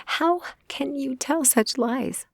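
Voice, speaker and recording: A woman's voice: mid-range voice, expressive, takes it slowly, no room sound. A woman voicing a shaken young vampire heroine in an audiobook, in a tense, disbelieving way.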